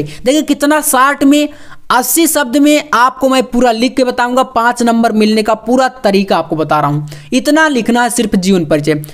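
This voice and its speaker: A young man coaching students for an exam, walking through model answers with emphatic, repeated reminders and coaxing asides. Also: very high-pitched. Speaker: exam prep tutor.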